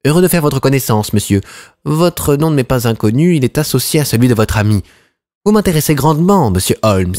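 An eager, lanky young country doctor from a classic detective audiobook, put on by a man reading it. He gushes in a raised, lively voice full of rises and falls, all polite enthusiasm. The sound is dry and close, with no room around it. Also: medium pitch, dry recording, voice pushed up, lightly acted. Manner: gushing and excitable, formally polite.

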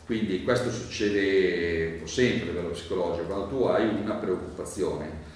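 A man's voice: low voice, normal speed. A man, a priest, teaching a Bible lesson and commenting on the text in a conversational, digressive way, with many "eh" fillers and questions to his listeners. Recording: very echoey room, mic far off, light noise.

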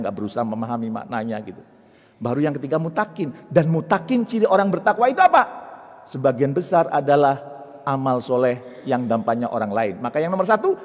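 A man giving a lively religious talk to an audience, jumping between loud high bursts and soft low asides and acting out little scenes. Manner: jokes and acts out little scenes. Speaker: preacher and motivational speaker. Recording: long hall reverb.

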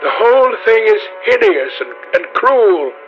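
A man voicing a sensitive young gentleman who speaks in pleading, emotional outbursts in an audiobook. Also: very high voice, expressive, a little slow, dull audio, soft background music, pitched above the performer's own voice. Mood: bitter. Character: sensitive young gentleman, anguished and tender-hearted.

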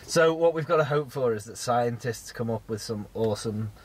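Woman host, very deep husky voice, easygoing and playful. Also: normal speed. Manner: easygoing, laughs often, asks playful questions. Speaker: podcast host interviewing a child. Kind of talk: casual chat.

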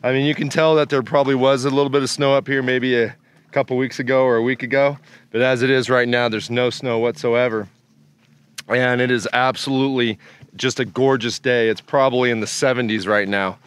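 A man's voice: mid-range voice, fairly quick, smooth. Laid-back man rambling outdoors by a lake. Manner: relaxed, rambling, many fillers. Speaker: outdoor photography vlogger. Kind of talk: casual on-location vlog talk.

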